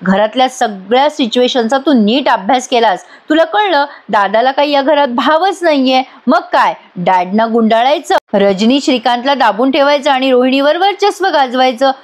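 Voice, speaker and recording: Woman reading bitter scheming lady, sarcastic jabs, fairly high. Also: expressive, normal speed, hardly any pauses. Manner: accusing, sarcastic.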